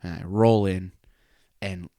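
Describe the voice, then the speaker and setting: Deep-voiced man swearing through a story. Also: steady tone, slow, warm tone, dry recording, studio quality. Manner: profane, exaggerating. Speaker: podcast host and pro wrestler. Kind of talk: casual comedic storytelling.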